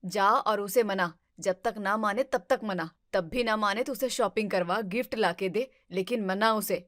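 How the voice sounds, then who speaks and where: A woman's voice: medium pitch, moderate pace, a bit bright, no echo, studio quality, pitched below the performer's own voice, lightly acted. A woman playing a bossy but fond mother who scolds her son in a family drama. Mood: scolding. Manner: scolding, commanding.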